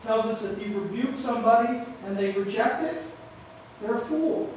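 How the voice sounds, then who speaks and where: This is a man with a very high-pitched, slightly mellow voice, preaching at a normal speed as pastor of a church. He puts questions to the congregation and answers them himself, using a stand microphone he sometimes steps away from. The sanctuary adds reverb, and faint background noise is present.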